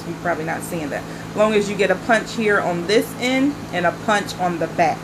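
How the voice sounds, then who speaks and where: Her voice lowish and a little nasal from a stuffy nose, a woman in her forties from the Carolinas chats casually to camera as a vlog host. She's relaxed and smoking while she talks out on a patio at night, with background noise around her.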